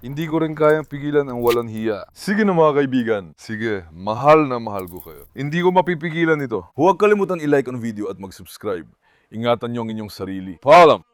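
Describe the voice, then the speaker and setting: A man's voice: mid-range voice, animated, fairly quick, dry recording, studio quality. A man vlogging about his pets, talking casually to the camera and coaxing his dogs. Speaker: pet vlogger. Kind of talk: casual vlog narration to the camera.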